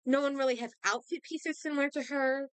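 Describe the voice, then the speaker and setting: While playing a game on stream, a young woman talks casually and thinks out loud, her throat sore, her voice going, and hiccups interrupting her. She speaks a little fast in a high, steady voice, and there's no echo.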